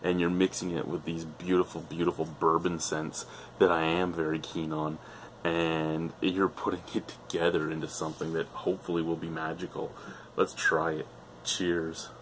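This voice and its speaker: A man's voice: deep voice, little pitch movement, normal speed, slight background noise. A middle-aged man reviewing a beer on camera at home, rambling and enthusiastic, swearing freely. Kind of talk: casual beer review vlog. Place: living room at home, indoors.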